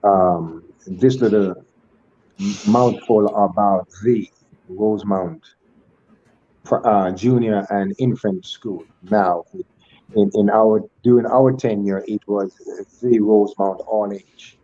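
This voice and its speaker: A man's voice: lowish voice, fairly even intonation, takes it slowly, mellow, no echo, lo-fi sound. A man in his sixties, a school alumnus speaking as a guest on an online panel, with ornate, churchly phrasing and many fillers and restarts. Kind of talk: formal online panel talk.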